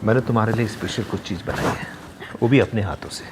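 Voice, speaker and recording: An actor playing a man who holds his young wife captive, coaxing and softly menacing in a crime drama. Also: lowish voice, fast, background noise, natural voice. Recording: music playing under the voice.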